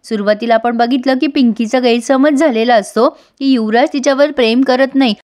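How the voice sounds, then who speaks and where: A woman's voice: fairly high pitch, fairly quick, darkish tone. A woman recapping a television serial for her viewers, dramatic and engaged. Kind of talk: storytelling recap.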